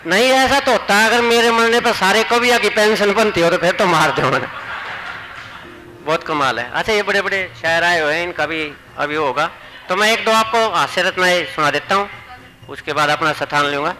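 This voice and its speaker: A man's voice: sits high, normal speed, music in the background, rough recording. A man with a Haryanvi accent reciting comic poems on stage, playfully repeating his punchlines for the audience. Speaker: comic poet. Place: stage at a poetry gathering.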